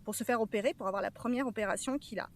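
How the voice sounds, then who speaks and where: A woman giving a personal testimony as a podcast guest, earnest and emotionally charged, often pausing to search for words. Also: fairly high pitch.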